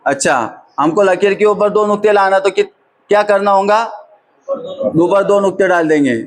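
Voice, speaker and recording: A high-voiced man drilling a class. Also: normal speed. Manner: patient question-and-answer drilling. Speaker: teacher trainer. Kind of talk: classroom teaching demonstration.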